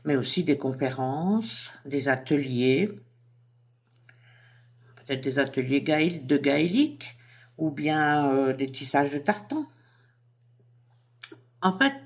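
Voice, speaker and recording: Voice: medium pitch, vocal fry. A speaker who talks casually to camera about a business project, in a chatty and hesitant way with many fillers. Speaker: entrepreneur presenting a themed business project.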